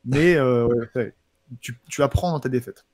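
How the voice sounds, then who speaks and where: A man chatting casually like a combat sports commentator on a livestream, informal and halting, with a lisp that makes his s sounds slushy. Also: medium pitch, a little mellow, no echo. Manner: informal, halting with repeated words and slang. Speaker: professional MMA fighter answering viewer questions.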